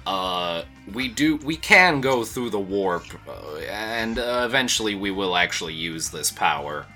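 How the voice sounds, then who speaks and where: A man's voice: fairly low pitch, lively intonation, unhurried, sharp tone, soft background music. A man co-hosting a casual podcast, loose and joking, swearing often and laughing. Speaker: podcast co-host. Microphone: own mic, recorded separately.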